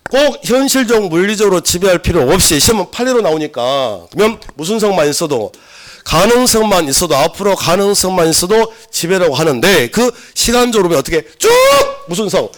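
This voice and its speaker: Male lecturer, higher voice, loud and animated, quizzes the class, a touch hoarse from a cold. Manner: lively, loud, asks the class questions. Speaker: civil law lecturer. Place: lecture room.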